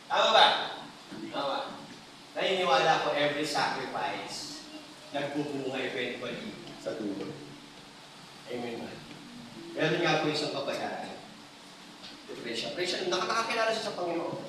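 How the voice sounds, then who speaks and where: A man's voice: a little high, sing-song, normal speed, pauses often. Passionate male preacher in an echoey hall. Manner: passionate, calls for congregation replies, mixes Tagalog and English. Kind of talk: sermon. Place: church hall. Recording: echoey room from a distance, faint noise.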